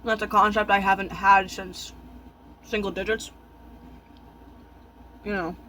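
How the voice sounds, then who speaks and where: High-pitched young man talking with mouth full. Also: flat delivery, pushed and bright, slight background noise, poor audio. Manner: musing, halting, drifting between short thoughts. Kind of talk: casual chat while eating, mukbang.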